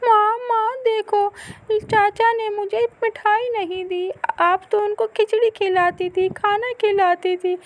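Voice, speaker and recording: A woman's voice: very high-pitched, level tone, slow, pitched above the performer's own voice. A woman voicing a whiny, hungry young boy bird in a cartoon story, pleading with his mother. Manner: whining, pleading.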